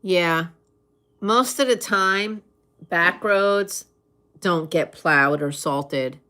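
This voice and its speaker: A woman chatting casually in an unhurried, conversational way, with pauses as she replies to listeners. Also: on the low side, bright, forceful tone. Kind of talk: casual chat.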